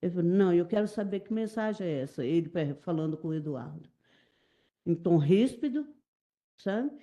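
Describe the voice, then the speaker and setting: Halting Brazilian woman giving courtroom testimony. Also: fairly low pitch, expressive, warm tone, muffled recording. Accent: Brazilian Portuguese. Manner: halting, repetitive, emotional recounting. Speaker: witness testifying in a jury trial.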